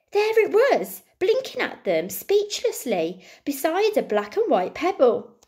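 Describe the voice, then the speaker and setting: A woman brings a storybook to life for children the way a primary school teacher would, pausing dramatically and stressing words on purpose. Her voice sits high and is a little mellow.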